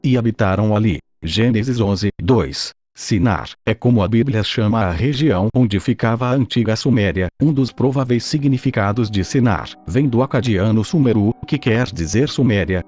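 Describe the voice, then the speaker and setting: A man's robotic text-to-speech voice reading a scripted explainer narration in a steady, even, machine-like way. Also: fairly low pitch.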